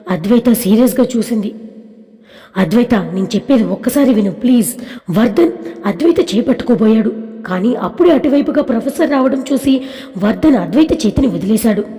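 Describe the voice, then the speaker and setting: Woman storyteller, scripted narration, fairly high voice, mellow tone, long hall reverb.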